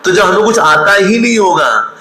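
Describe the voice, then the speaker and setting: A man's voice: high-pitched, animated, moderate pace, sharp tone, slight background noise. A man in his forties giving a motivational talk, scolding and mocking, telling stories. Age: 40s. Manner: scolding, mocking, switching between storytelling and rebuke. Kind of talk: lively motivational talk with acted quotes. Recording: echoey hall, faint ambience.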